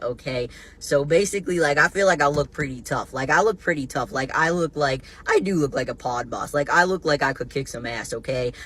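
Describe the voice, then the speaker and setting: A man's voice: mid-range voice, a bit bright, slightly rough. Chatty man, full of "um" and "like". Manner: chatty, many "um" and "like". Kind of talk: storytelling to camera.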